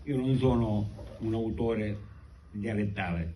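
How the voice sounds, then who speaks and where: A man in his sixties with a Sicilian accent, speaking solemnly and deliberately in short phrases as a poet addressing a live event. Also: fairly low pitch, warm tone, far from the mic, a little hiss or hum, poor audio. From Sicily, Italy. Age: 60s. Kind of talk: live address and poetry recitation. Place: public evening event, speaking to an audience.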